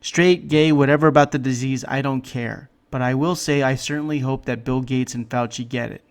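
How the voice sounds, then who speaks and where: Man, sarcastic commentary host, deadpan mocking jokes, mid-pitched voice. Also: brisk, smooth.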